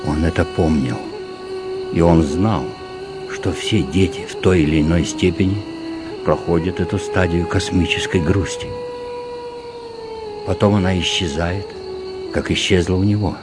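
A man calmly reading a literary story aloud as narrator, in a measured storytelling manner. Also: low voice. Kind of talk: audiobook reading of literary prose. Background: background music.

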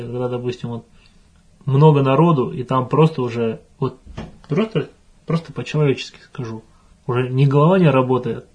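A man's voice: medium pitch, darkish tone, breathy edge. A man, a priest, answering a listener's letter in a thoughtful, hesitant way with frequent restarts.

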